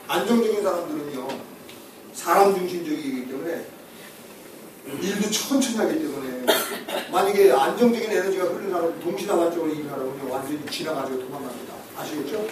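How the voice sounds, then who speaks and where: A high-voiced man teaches a room full of listeners about personality types, lively and full of jokes, checking in with them again and again. The recording is distant and echoes hard around a hall. Steady noise sits beneath him. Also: quick pace. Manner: animated, joking, asks the audience for agreement. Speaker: lecturer. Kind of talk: personality-type lecture to an audience. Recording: echoey hall, voice from far off, noisy.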